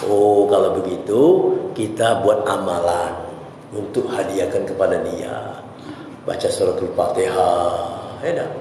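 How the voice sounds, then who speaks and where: A man's voice: sits low, unhurried, warm tone, a little hiss or hum. A middle-aged man giving a religious lecture, telling stories animatedly and acting out the scolding voices. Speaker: preacher. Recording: very echoey hall with faint ambience.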